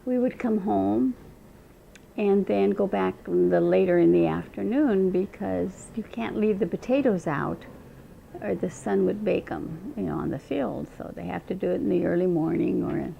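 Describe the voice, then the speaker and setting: An older woman, a state representative from Montana who grew up in Eastern Washington, unhurriedly recalls her childhood in an oral history interview. Her medium-pitched voice is creaky, the recording has its highs cut off and a little hiss or hum, and her reflective storytelling restarts frequently.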